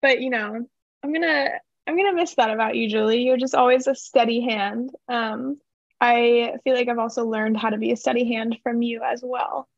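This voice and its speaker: A woman's voice: a little high, steady tone, moderate pace, dry recording. A young woman in her twenties co-hosting a student podcast, bubbly and spontaneous, often saying "like". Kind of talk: casual chat. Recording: dull, dry lo-fi sound.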